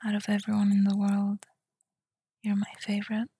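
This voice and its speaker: A woman whispering softly in a tender, soothing ASMR roleplay, speaking close to the mic. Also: medium pitch, completely flat delivery, no room sound. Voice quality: breathy whisper. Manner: soft, tender and soothing, slow murmurs. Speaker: girlfriend roleplayer.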